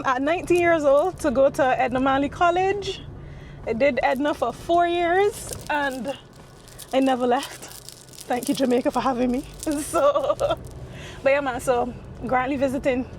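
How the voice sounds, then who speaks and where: Vlogger, woman in her 30s, high and chatty, road noise behind. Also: darkish tone, rough recording. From Barbados. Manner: chatty, laughing, joking. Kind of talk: casual vlog chat while driving. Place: car on a road.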